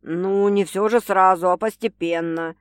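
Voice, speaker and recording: A woman reading an audiobook, voicing a teasing, domineering young man who speaks slowly and wryly. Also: steady tone, no echo, clean studio sound, natural voice. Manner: slow, low and wry. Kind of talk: audiobook character voice.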